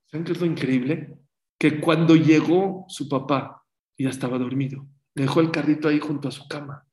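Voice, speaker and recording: A man giving a sermon as a religious teacher, telling stories in an animated way. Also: fairly high pitch, moderate pace. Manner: animated, acts out story voices. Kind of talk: sermon with storytelling. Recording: roomy echo.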